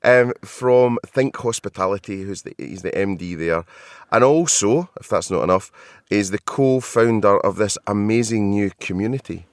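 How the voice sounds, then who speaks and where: A man's voice: lowish voice, normal speed, no echo, studio quality. A man with a Scottish accent hosting a marketing podcast, chatty and self-deprecating, laughing often. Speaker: podcast host. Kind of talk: casual podcast chat. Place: hotel.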